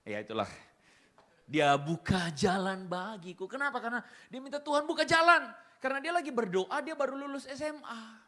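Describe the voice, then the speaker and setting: Lively, high-voiced male preacher. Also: quick pace, few pauses, soft background music. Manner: animated storytelling, mixing in English words. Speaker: pastor. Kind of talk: sermon. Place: church.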